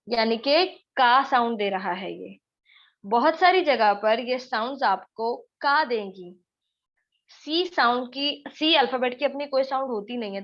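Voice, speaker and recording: A young woman teaching spoken English in an online class, short of breath, mixing English into her explanations and repeating points for emphasis. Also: sits high. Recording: dull lo-fi online class audio.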